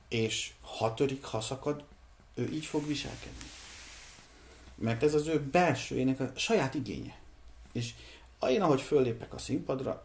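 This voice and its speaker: A middle-aged man from Hungary speaks in a casual discussion, reflective and measured. His voice sits at an ordinary pitch, and he pauses often to think aloud. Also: a little mellow. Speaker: podcast guest, singer.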